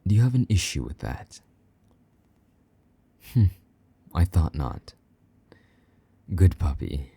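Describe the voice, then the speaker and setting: In this intimate audio roleplay, a man portrays a possessive, jealous vampire knight with a low, sing-song murmur that dips into soft whispers, teasing and slightly gruff. He takes his time, pauses often, and uses an exaggerated voice with a tender mood.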